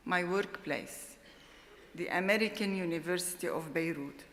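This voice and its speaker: A middle-aged woman gives a formal award acceptance speech at a podium microphone, in a slow, deliberate and heartfelt way. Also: lowish voice, a bit bright. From Lebanon. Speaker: award laureate. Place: large ceremony hall. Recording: long hall reverb.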